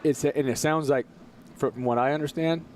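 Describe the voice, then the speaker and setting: A man talking as a podcast guest in casual conversation, earnest and motivational, slowing down to stress his points. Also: on the high side, darkish tone, a little hiss or hum.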